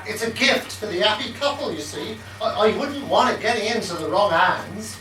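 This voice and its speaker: A man's voice: sits high, normal speed, bright, forceful tone. A man playing a fussy, muddled, mildly pompous pantomime king with hesitant, repetitive delivery. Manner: hesitant, repetitive, throat-clearing. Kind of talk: broad amateur pantomime stage acting. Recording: echoey noisy stage from far off.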